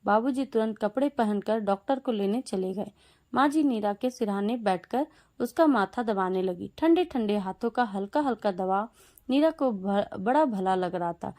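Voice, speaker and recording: A woman storyteller reading scripted narration in a steady, expressive way. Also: mid-range voice, moderate pace.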